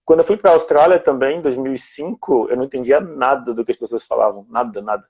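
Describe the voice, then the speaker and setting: A man's voice: mid-range voice, fast talker, darkish tone, slightly rough, lo-fi sound. A man from Brazil in casual conversation as a guest, explaining things step by step in a reflective way.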